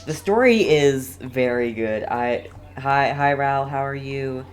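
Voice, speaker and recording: In a mid-range voice, a video game streamer offers relaxed live commentary and talks with viewers, halting and repeating words often.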